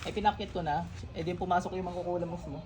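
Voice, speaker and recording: A man's voice: sits high, fairly even intonation, fast. A man, a faith healer leading a ritual, sternly taunting and interrogating spirits. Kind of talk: healing ritual, commanding spirits. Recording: noisy room recording.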